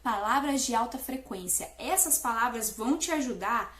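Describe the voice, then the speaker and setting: A young woman's high voice, with pitch that leaps up and down as she talks. She teaches in a quick, playful way and hits words with sudden punch. The sound is roomy and echoey. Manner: fast, animated, playful talk with sudden loud stresses. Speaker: English teacher and YouTuber. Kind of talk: energetic casual tutorial to camera.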